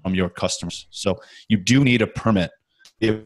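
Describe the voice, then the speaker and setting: A man's voice: lowish voice, moderate pace. Man on a choppy conference call. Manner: explains steadily with frequent "um"s. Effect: remote conference call line that breaks up. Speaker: sales tax software guest expert. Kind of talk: answering questions on a group call.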